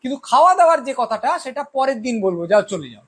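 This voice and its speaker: A woman's voice: fairly high pitch, very animated, fast talker, husky. A woman voicing an older village herbal doctor in a story, patient and explaining. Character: wise old village herbal doctor, man, calm.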